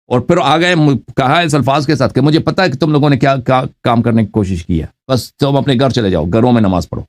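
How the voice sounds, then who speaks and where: A man giving a religious lecture, quoting texts slowly and then explaining them in an argumentative way. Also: mid-range voice, darkish tone. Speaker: religious scholar.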